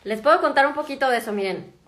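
A woman's voice: sits high, expressive, fast talker, a bit bright. A woman in her thirties with a Mexican accent, a doctor chatting casually to viewers from her home, laughing often and using many fillers. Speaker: doctor and vlogger. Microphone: phone camera.

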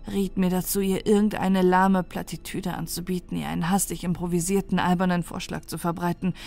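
A woman narrating a science fiction horror story for falling asleep, in a soft, measured reading over faint music. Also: fairly low pitch, creaky. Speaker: audiobook narrator. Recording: dry close recording with faint music.

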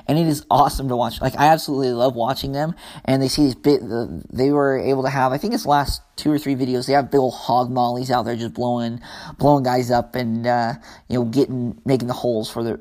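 A man's voice: medium pitch, darkish tone. A young American man hosting a casual solo sports talk, rambling through his thoughts with many fillers and restarts. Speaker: sports podcast host.

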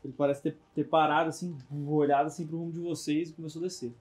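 A man's voice: fairly high pitch, little pitch movement, fast talker, darkish tone. A man running a tabletop game as game master, describing scenes with many small hesitations. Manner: descriptive, hesitant narration with fillers.

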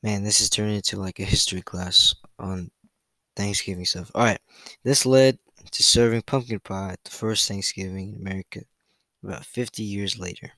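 Bright-voiced young man, casual podcast. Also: on the low side, moderate pace, dry recording, low-quality recording. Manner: loose and chatty, fillers and self-corrections, stumbles over words. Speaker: podcast host. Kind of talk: casual solo podcast reading facts.

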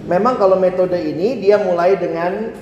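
A man's voice: high voice, moderate pace, a little mellow, muffled recording, slight background noise. A male preacher giving a conversational sermon, asking the audience rhetorical questions and slipping into casual slang. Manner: slips into casual slang and plays out mock dialogues. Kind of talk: sermon teaching on evangelism. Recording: roomy hall reverb with faint ambience.

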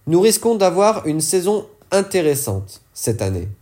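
A man's voice: high-pitched, sing-song, unhurried, mellow, pitched above the performer's own voice. A man voicing a wily old male dealer who asks probing, insinuating questions. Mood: sly.

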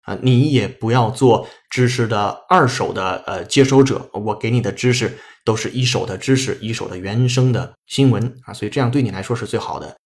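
A man's voice: lowish voice, brisk, hardly any pauses. A man teaching English on a podcast, explaining sentences patiently with frequent "ah" and "uh" fillers.

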